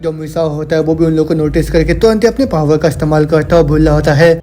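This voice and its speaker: A man's voice: a little high, steady tone, fast, dark tone, faint music behind. A man retelling a comic's story in a plain storytelling way, speaking the characters' lines in his own voice. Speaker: manhwa recap narrator. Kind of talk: storytelling recap narration.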